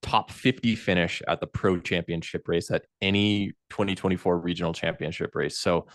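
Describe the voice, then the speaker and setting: A man's voice: sits low, steady tone, moderate pace, no room sound. A man co-hosting a podcast, explaining qualification rules in casual chat. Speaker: podcast co-host.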